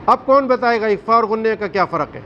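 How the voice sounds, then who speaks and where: High-voiced man teaching recitation. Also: lively intonation, pushed and bright, highs cut off, slight background noise. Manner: firm, questioning, drawn-out recited words. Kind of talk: classroom tajweed lesson.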